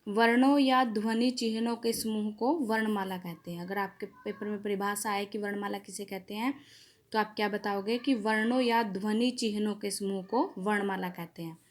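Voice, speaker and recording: A woman's voice: medium pitch, fairly even intonation. A woman teacher, giving a classroom grammar lesson, explaining step by step, asking questions and answering them herself. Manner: draws out vowel sounds slowly and loudly when reciting them. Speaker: school teacher.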